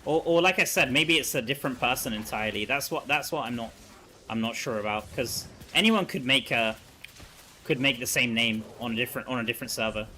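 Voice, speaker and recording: A man's voice: mid-range voice, a little fast, bright, forceful tone, slight background noise. A man streaming a video game, chatting casually and thinking aloud as he answers his chat.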